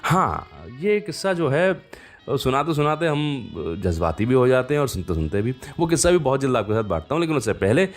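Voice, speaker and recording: A man with a mid-range voice hosts a radio show, sounding very animated and brisk as he chats with listeners. He tells anecdotes conversationally, full of asides, storytelling between songs. Soft music plays in the background.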